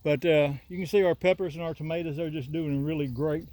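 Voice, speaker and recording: An older homesteader from the Southern United States gives a casual walkthrough vlog of his rural garden, filming on a selfie stick. He talks fairly quickly with a fairly high, darkish voice and fairly even intonation, rambling folksily in a Southern drawl.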